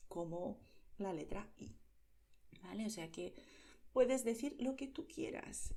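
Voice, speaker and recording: This Madrid-accented teacher from Spain has a medium-pitched, gravelly voice and walks through Spanish pronunciation slowly and carefully. Words are modeled one by one, frequently whispered softly, with a constant "¿vale?" to check understanding.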